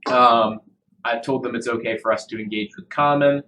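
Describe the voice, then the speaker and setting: A man narrating as dungeon master in a relaxed, conversational way. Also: medium pitch, moderate pace, slight background noise, rough recording. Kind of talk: narrating a tabletop game.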